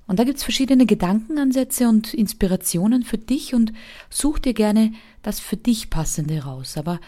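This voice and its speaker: A woman's voice: medium pitch, dark tone. A woman hosting a podcast about anger, talking directly to her listeners in a coaching way and putting questions to them.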